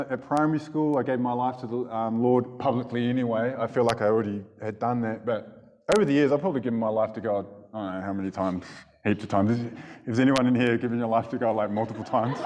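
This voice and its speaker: A man's voice: mid-range voice, a little hiss or hum. A man gives a casual, chuckling personal testimony to a church congregation. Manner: casual storytelling with frequent chuckles. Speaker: church speaker giving testimony. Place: church hall before an audience. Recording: long hall reverb in a church.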